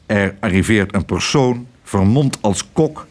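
A man voicing a curt, gruff male police officer. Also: on the low side, animated, a little slow, darkish tone.

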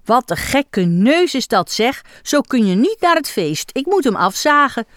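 A bossy little girl clown playing doctor, as a woman puts her on. She sounds eager and bright, her high voice bouncing up and down. Close and dry. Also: sing-song, a little slow, no room sound. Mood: playful.

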